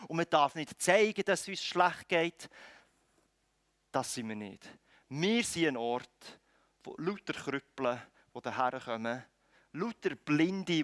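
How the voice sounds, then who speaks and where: A man's voice: medium pitch, a bit bright, dry recording. A man preaching a sermon in a conversational way, acting out scenes with frequent restarts. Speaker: pastor.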